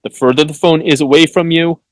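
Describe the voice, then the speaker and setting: A man's voice: a little high, steady tone, dry recording, poor audio. Blunt, hectoring male podcast host. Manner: blunt, hectoring asides with swearing; reads text haltingly with fillers and restarts. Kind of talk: solo podcast, reading and commenting.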